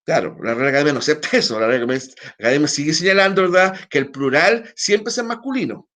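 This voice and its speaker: This man teaches online in a Chilean accent, his fairly bright, high voice quick and lively in intonation. He explains at length in a loose stream, restarting hesitantly and often tacking on tag questions.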